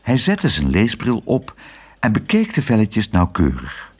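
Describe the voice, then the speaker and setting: A man reads a children's story aloud, his pitch rising and falling with great animation. His voice is husky and breathy, with an expressive, storytelling lilt. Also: measured pace. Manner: lively, expressive reading.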